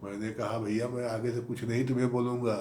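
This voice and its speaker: A man's voice: mid-range voice, level tone, fast talker, darkish tone, roomy sound, a little hiss or hum. A man telling a comic tale of his own marriage in a mock-mournful, exasperated manner. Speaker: comic storyteller, channel host. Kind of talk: comic monologue told to camera.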